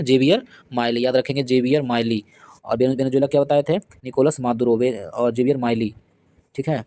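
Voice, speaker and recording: A man teaching a rapid exam-prep lesson who quizzes his listeners and repeats key facts. His voice is mellow and low in brightness. It is recorded close and dry, with no room sound. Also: no echo. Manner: drills facts with repeated quiz questions; slows down to spell out names. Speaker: current affairs teacher.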